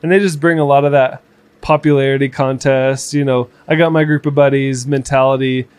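A man in his twenties chatting casually as podcast co-host, reflective and halting, with fillers and restarts. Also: medium pitch, steady tone, darkish tone, clear, resonant tone, dry recording. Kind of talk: casual conversation.

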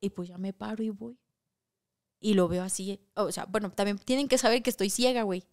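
A young woman with a Mexican accent, a podcast co-host telling a personal story in casual chat, full of crude slang and animated retellings. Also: medium pitch, a little fast.

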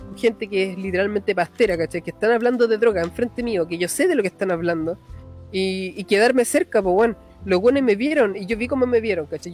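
Fast-talking young Chilean man, high voice. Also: a little mellow. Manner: fast slangy storytelling, frequent "cachai" tags. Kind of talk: casual storytelling chat.

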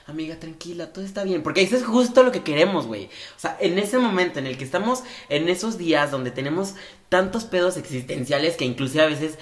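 Animated Mexican man, slightly high voice. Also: a little fast. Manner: animated, swears freely, acts out quoted voices. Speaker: podcast co-host. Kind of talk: casual podcast chat.

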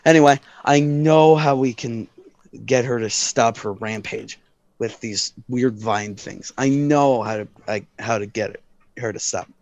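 A man's voice: medium pitch, measured pace, a little mellow, no room sound, highs cut off. A man running a tabletop game, talking in a rambling, self-correcting way.

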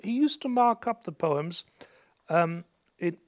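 A man's voice: high-pitched, expressive, takes it slowly, darkish tone. A male teacher patiently explains a poem's rhythm to a student, chanting beats and counting syllables aloud.

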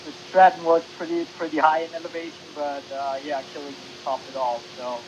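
A man's voice: a little high, level tone, brisk, poor audio. A man who is a podcast guest, explaining at length with many fillers. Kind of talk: casual podcast chat. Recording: hissy recording.

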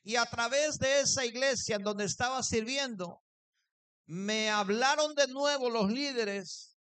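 High-voiced preacher telling his story. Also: unhurried, fairly bright tone, clear, resonant tone. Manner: storytelling preacher, acts out dialogue. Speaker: pastor. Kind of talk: sermon.

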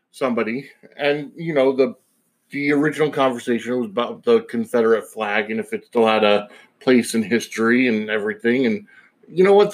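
A man's voice: mid-range voice, low-quality recording. A man hosting a podcast alone, giving a casual opinion monologue in a rambling, digressive way. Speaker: podcast host.

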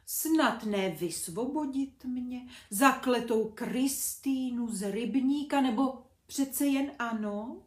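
A woman reading aloud voices a flirtatious female water ghost, speaking slowly and coquettishly. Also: a little high, a little mellow, pitched above the performer's own voice, lightly acted. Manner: slow, coquettish, drawn-out. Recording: roomy echo.

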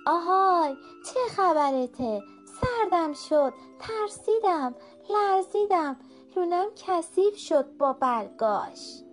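A woman's voice: very high voice, expressive, faint music behind, voice pushed up. A woman voicing a fussy little sparrow mother who grumbles and complains in huffy outbursts. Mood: grumbling.

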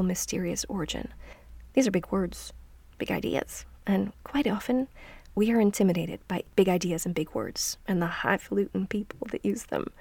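Breathy middle-aged woman podcast host. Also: medium pitch, no echo. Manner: soft, reflective, often trailing into a breathy near-whisper. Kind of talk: scripted self-help podcast monologue.

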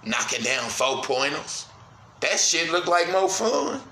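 A man hosting a solo sports podcast, cursing freely and swinging between loud outbursts and quiet, low asides. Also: big pitch swings, slow pace, gravelly, roomy sound, a little hiss or hum. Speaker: podcast host.

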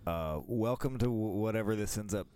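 A man's voice: lowish voice, moderate pace, warm tone. A man co-hosting a casual film commentary, talking in a rambling, self-deprecating way. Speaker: podcast co-host. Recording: clearly noisy background.

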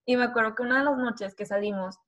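A young woman, co-hosting a podcast and telling stories in a lively chat, acting out the voices of people in them. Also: a little high, fast. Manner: animated, acts out voices in her story. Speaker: podcast co-host. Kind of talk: casual chat, storytelling.

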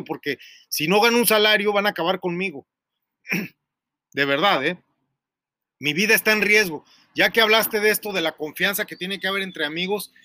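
A man's voice: high-pitched, sharp tone, no room sound, clean studio sound. A Mexican man hosting a radio talk show, rambling and joking with profanity as he tells stories.

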